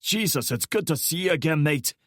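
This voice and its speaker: A man narrating puts on a gruff, tough Scottish soldier with a low, menacing voice. He speaks in a rough Scottish accent. The sound is dry and close. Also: big pitch swings, normal speed, no echo. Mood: delighted. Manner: low, menacing, then warm.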